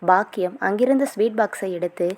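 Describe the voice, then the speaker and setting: A woman's voice: mid-range voice, fairly quick, darkish tone. A woman narrating a romance novel as a story, reading all the characters' lines in her own voice with small shifts.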